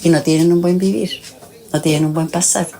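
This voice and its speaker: A woman of almost eighty giving a candid, halting answer in an interview. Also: lowish voice, steady tone, mellow. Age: about 80.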